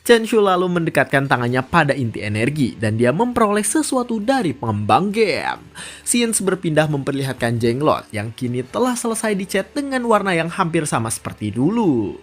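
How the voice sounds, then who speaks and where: A narrator retelling a manhwa story in a scripted read. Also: normal speed. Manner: steady storytelling read with lively pitch.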